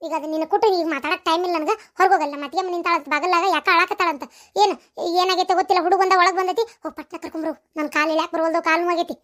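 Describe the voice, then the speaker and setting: A sharp-tongued older mother-in-law with a North Karnataka Kannada accent scolds and mocks in a comic family skit, as a woman puts her on. Her voice sits very high and her words come fast. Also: fairly even intonation. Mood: scolding. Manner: scolding, mocking, bossy. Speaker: comedy sketch performer.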